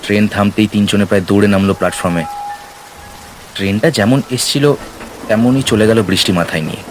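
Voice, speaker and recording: Rain sound effects and ambience sit behind a man narrating a scripted horror story in storytelling style. His voice is fairly low and his delivery brisk, with noise in the background.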